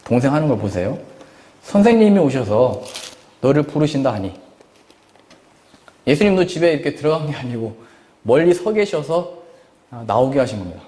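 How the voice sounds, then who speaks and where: Preaching a Sunday sermon in a big-sounding room, this man speaks in a mid-range voice at normal speed, pausing often. The pastor reads scripture aloud and presses his points through expressive delivery full of rhetorical questions at the church service.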